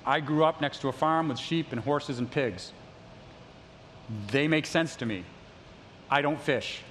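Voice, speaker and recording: A middle-aged male pastor delivers a sermon in a relaxed, conversational way, slipping in self-deprecating asides to the congregation. His voice sits a little high for a man. The sound carries a long reverb from a big hall, with a faint hiss underneath. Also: unhurried. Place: church sanctuary.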